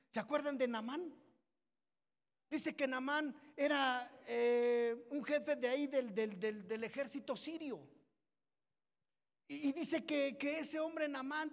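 A man preaching a sermon, retelling Bible stories in a storytelling manner and calling his listeners brothers. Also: very high voice. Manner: storytelling, repeats "dice que", addresses listeners as brothers. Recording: long reverb of a hall.

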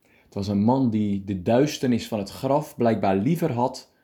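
A male preacher giving a calm radio meditation, reading scripture deliberately and explaining it. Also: lowish voice.

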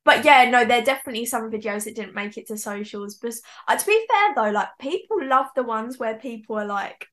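A woman's voice: fairly high pitch, lively intonation, a little fast, few pauses, a bit bright. Chatty giggly young woman. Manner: chatty, giggly, lots of "like" fillers. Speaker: singer-songwriter guest. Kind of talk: casual interview chat.

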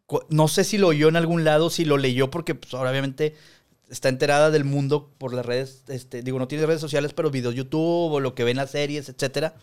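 A man's voice: fairly high pitch, brisk, clear, resonant tone. A Mexican man, likely in his forties, chatting casually as a podcast co-host, telling stories with slang and swearing. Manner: relaxed storytelling with slang and swearing. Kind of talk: casual chat.

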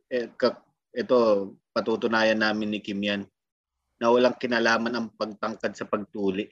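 A man co-hosting a casual talk, teasing the others with quick interjections. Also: fairly low pitch, level tone, fairly bright tone, dry recording, highs cut off. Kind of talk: casual chat.

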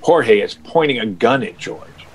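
A man's voice: medium pitch, animated, unhurried, a little hiss or hum, low-quality recording. A man narrating an audio drama in a dramatic, scripted style.

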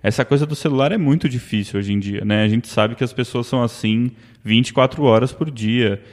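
A man's voice: mid-range voice, fairly quick. A man with a Brazilian accent co-hosting a podcast, talking in a conversational way and often ending his phrases with a tag question. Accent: Brazilian Portuguese. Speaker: podcast co-host. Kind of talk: casual discussion. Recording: long reverb.

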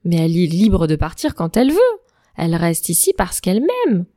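A woman's voice: fairly low pitch, big pitch swings, moderate pace, dark tone, no echo, studio quality. A woman voicing a protective male dragon who scolds and lectures. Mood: scolding. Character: protective male dragon, gruff yet kind.

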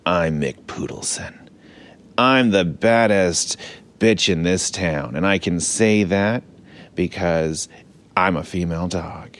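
A man's voice: deep voice, slow, a bit bright. A man voicing a cocky female poodle mob boss who talks tough and boastful, in an audio story. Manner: boastful, tough-talking villain.

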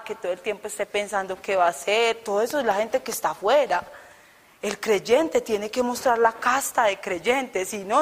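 A woman, giving an earnest, conversational testimony to a congregation. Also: medium pitch. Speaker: church speaker giving testimony. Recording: long hall reverb.

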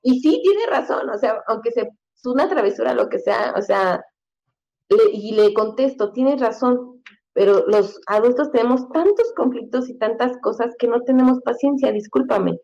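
A woman in her thirties talks as a podcast guest in an easy, rambling way, full of fillers and quoted asides. Her voice is mellow and warm. The recording sounds dull and lo-fi. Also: on the high side, moderate pace, creaky. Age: 30s. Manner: chatty, many fillers, acts out quotes in a raised voice. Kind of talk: casual conversation.

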